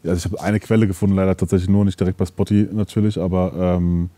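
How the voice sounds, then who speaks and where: A man in his thirties hosting an interview in a dark studio, asking long rambling questions full of fillers. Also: deep voice, flat delivery, racing, no room sound. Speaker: interview host. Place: dark studio set, seated on leather couch.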